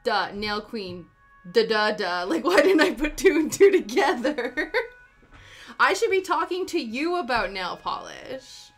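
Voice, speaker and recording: Very animated yet slow, this young woman's voice sits on the high side as she streams from her UK home. She's Canadian, chatting casually with viewers and giggling through her answers to chat, with faint background music.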